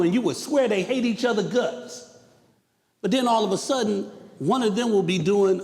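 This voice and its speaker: A man's voice: high voice, darkish tone. A man speaking on a panel at a symposium, in an emphatic, rising delivery with a preacher's cadence. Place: university event hall. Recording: echoey hall with long reverb.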